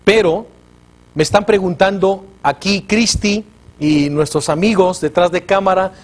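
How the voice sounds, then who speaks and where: On his religious TV show, a preacher with a Mexican Spanish accent recounts a testimony fervently, his volume swinging from loud to hushed. His voice is high-pitched and a little slow.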